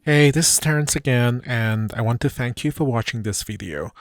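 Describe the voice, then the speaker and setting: Gravelly-voiced man narrating a how-to. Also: medium pitch, normal speed, no echo, studio quality. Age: middle-aged. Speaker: channel host. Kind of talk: voice-over narration of a drink-making video.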